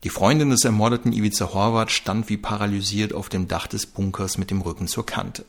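A man's voice: lowish voice, steady tone, a little fast. A man reading a crime story aloud, narrating with drama.

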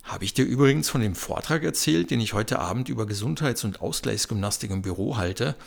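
A man voicing a sharp-tongued, practical young mother, giving quick retorts in a gravelly voice. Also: fairly low pitch, animated. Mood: teasing. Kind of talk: comic audio story.

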